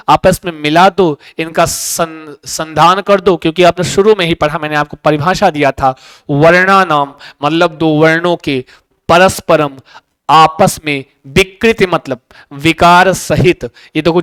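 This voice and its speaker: A man teaching an exam-prep grammar lesson in a high, clear, smooth voice. He keeps asking the class questions, answers them himself, and repeats the key sounds over and over. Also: a bit bright.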